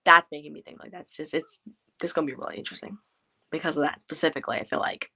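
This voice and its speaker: A woman's voice: sits low, steady tone, quick pace, creaky, bright, forceful tone, husky. A woman hosting a casual book club chat, talking in loose, rambling sentences full of fillers. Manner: chatty, trailing off with fillers.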